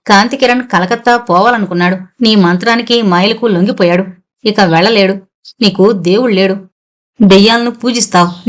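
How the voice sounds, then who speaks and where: A woman's voice: mid-range voice, natural voice. Preachy menacing swami, a schemer, played by a woman reading a novel in a storybook voice. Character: scheming lecherous male swami, self-righteous.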